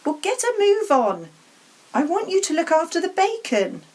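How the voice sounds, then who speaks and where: A woman voicing a shrill, bossy, short-tempered aunt in a storybook, screechy, snapping and demanding. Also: sing-song, moderate pace, darkish tone.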